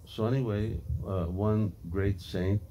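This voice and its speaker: A man teaching a spiritual class in short, halting phrases with many fillers, pausing for an interpreter. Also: lowish voice, steady tone, dark tone, a little hiss or hum. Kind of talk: sermon with consecutive interpretation.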